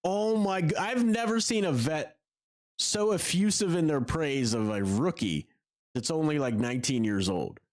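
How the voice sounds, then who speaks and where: Animated man talking basketball. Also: fairly high pitch. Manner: animated, quick to laugh, talks in long runs. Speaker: basketball podcast host. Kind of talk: casual sports chat.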